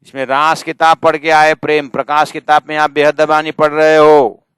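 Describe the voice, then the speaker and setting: A man's voice: on the high side, completely flat delivery, fairly bright tone, clean tone, no echo. A man teaching a scripture class, explaining verses one by one and arguing with imagined students. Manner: slow, drawn-out reading of verses. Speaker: spiritual teacher.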